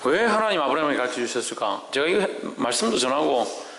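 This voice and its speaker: A man's voice: a little high, very animated, fast talker, gravelly, fairly bright tone, roomy sound, in a large hall, a little hiss or hum. A man preaching a sermon as a pastor, quizzing his congregation and acting out God's words. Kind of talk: sermon with audience questions. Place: church sanctuary.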